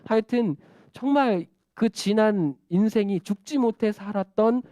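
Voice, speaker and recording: A man preaching a storytelling sermon to children, animated and asking them questions. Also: sits high, unhurried, dry recording, studio quality.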